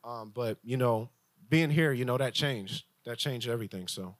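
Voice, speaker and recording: A young adult man giving a personal church testimony, halting, with many fillers and restarts. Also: mid-range voice, fairly bright tone, dry recording.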